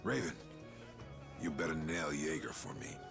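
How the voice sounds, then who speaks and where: A man playing a gruff, stoic old guild boss in a video game, speaking with blunt, folksy authority. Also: extremely low pitch, expressive, normal speed, heavily acted. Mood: fatherly, firm. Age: older. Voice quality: gruff, gravelly. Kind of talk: dramatic video game dialogue. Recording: game audio with loud music.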